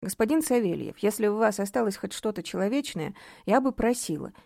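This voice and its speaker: A cold, commanding middle-aged mother and judge in an audiobook, voiced by a woman reader. She talks sharply, with biting sarcasm, in a soft, mellow tone. The recording is close and dry. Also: mid-range voice, animated, brisk, gravelly, no echo. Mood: cold stern.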